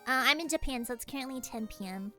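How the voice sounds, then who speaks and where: Young woman, casual stream chat, sleepy, quick rambling talk, crisp bright tone. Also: sits high, faint music behind. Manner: fast, rambling talk with frequent laughter.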